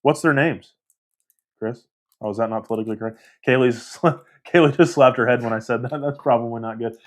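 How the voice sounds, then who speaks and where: A man's voice: mid-range voice, a little fast. A man casually hosting a livestream, reading viewer comments aloud and rambling with self-deprecating laughs. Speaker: livestream host.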